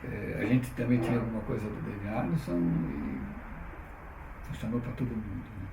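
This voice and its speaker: Recorded from a distance in a roomy space with faint noise, this middle-aged man's voice is on the low side, expressive, and at normal speed. A publisher being interviewed, he tells stories in a relaxed, chatty, loose way, often restarting and tacking "né?" onto his sentences.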